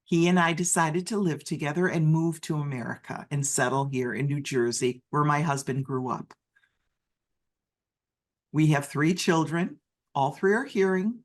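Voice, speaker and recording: This is a medium-pitched interpreter relaying a deaf speaker's own story as "I." The delivery comes in broken phrases, repeatedly restarting and correcting itself.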